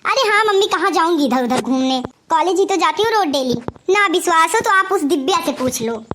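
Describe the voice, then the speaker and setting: Spoiled scheming college girl, voiced by a woman, Awadhi-tinged Hindi, high-pitched, bossy and sly, cartoon. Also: expressive, a little fast, a bit bright, a little hiss or hum. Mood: sweet-talking. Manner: bossy and sly, sweet to her mother, mean in asides. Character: spoiled scheming young woman, college-going elder daughter. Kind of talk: cartoon comedy voice acting.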